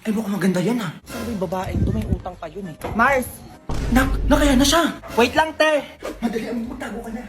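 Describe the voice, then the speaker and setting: A woman's voice: on the high side, fairly quick. A woman from the Philippines performing brash, bickering comedy skit dialogue, teasing and scolding. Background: background music.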